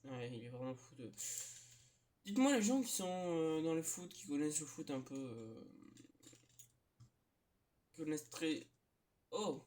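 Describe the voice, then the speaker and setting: A man hosting a gaming video, chatting casually and hesitantly with lots of filler sounds, with occasional excitable outbursts. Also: on the high side, measured pace, long pauses. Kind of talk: casual gameplay commentary.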